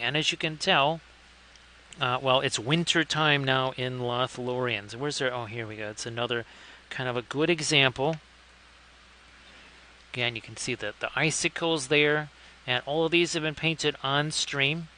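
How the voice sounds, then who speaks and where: A man casually chatting through a live stream, tossing in wry asides and thanking his viewers. His voice is bright and forward at a middling pitch, with a faint room hum behind him. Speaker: live-stream host painting miniatures.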